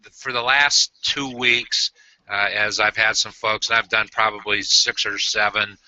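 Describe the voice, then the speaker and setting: Bright-voiced man hosting a video call. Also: on the low side, flat delivery, highs cut off. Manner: halting, many "uh" fillers and restarts. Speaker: host. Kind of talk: casual video call interview.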